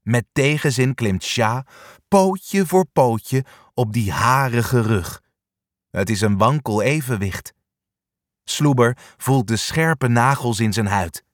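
A man reading a children's storybook aloud, slow and unhurried. His voice swings widely in pitch as he brings the narration to life. The recording is dry and close with no room sound. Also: no echo. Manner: expressive, animated reading.

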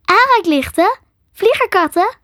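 Woman doing a squeaky defiant young heroine. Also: normal speed, no room sound, clean studio sound. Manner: high-pitched and defiant. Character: brave young female adventurer, defiant. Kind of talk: storybook reading.

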